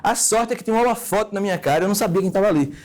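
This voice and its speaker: A man lectures on orthodontics, his voice pitched high for a man. He talks quickly and in a slangy, joking, brash way, leaning hard on his points. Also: darkish tone. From Recife, Brazil. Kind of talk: casual lecture with anecdotes.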